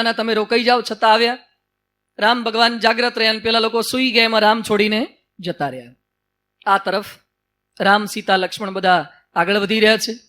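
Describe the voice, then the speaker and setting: A man delivers a sermon in a voice pitched unusually high for a man. His tone is bright and ringing. He tells parables in an animated way, with playful asides. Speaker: preacher.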